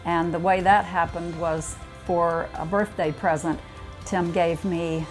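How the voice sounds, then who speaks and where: A woman's voice: fairly low pitch, flat delivery, slow, faint music behind, low-quality recording. An older woman being interviewed, telling personal stories about her life. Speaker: retirement community resident being interviewed. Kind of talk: personal storytelling.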